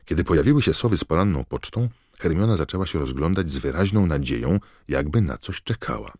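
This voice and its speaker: A man reads an audiobook in steady, even storytelling narration. His voice sits extremely low, and the recording is dry and close with no room sound. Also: a little fast, no room sound. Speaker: audiobook reader. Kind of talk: scripted narration.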